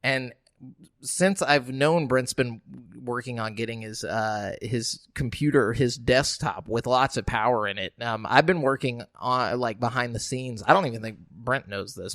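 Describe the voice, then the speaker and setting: A man's voice: mid-range voice, normal speed, fairly bright tone, no echo, studio quality. A young man co-hosting a podcast in loose, rambling casual chat. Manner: loose and rambling, many fillers. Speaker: podcast co-host.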